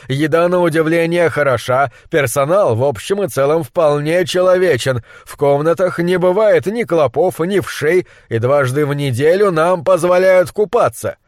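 A man's voice: a little high, dry recording, clean studio sound, lightly acted. A man voicing a brilliant, bitter monster scientist who speaks with acid sarcasm. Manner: acid, sardonic.

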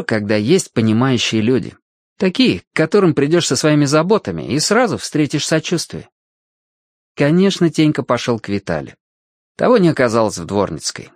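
A man narrating a storybook in an expressive storytelling manner. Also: medium pitch, dry recording, clean studio sound. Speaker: audiobook narrator.

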